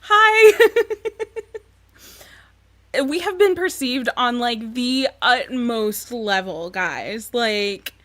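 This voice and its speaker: High bright woman, slow excitable talk. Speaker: podcast co-host. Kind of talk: casual live-stream chat.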